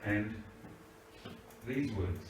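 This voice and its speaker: A man's voice: lowish voice, lively intonation, drawn-out words. A man teaching English grammar to a class, patiently asking "right?" as he checks that the class follows. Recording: echoey room, mic far off.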